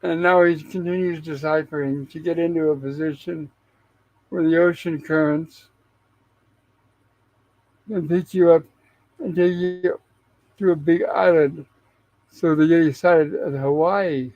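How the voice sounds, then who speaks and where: A man co-hosting a live-streamed classic TV review show, casually retelling episode plots in a relaxed, storytelling way. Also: a little high, unhurried, long pauses, no echo. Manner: relaxed storyteller paraphrasing scenes. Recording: dull lo-fi sound.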